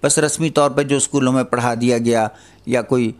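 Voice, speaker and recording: A man's voice: mid-range voice, steady tone. An older man giving an earnest religious lecture, admonishing his listeners and posing rhetorical questions. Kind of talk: Islamic lecture on parenting.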